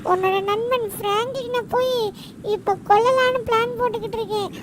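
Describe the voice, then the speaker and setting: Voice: very high voice, fairly even intonation, brisk. A voice actor playing a small cartoon boy's body taken over by an evil power, boasting and threatening. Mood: boastful. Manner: boastful, threatening, shouting at others. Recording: distant voice under loud game noise.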